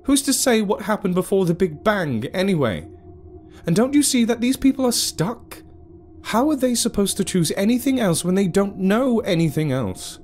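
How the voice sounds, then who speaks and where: A man's voice: fairly high pitch, big pitch swings, slow pace, long pauses, dark tone, soft background music, pitched above the performer's own voice. A man playing a pleading, agitated priest. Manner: pleading, raised and strained.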